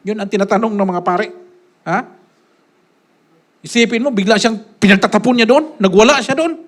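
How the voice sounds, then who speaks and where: A man preaching a sermon as pastor, swinging between loud, forceful lines and hushed asides, often tossing a quick question to the congregation. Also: high-pitched.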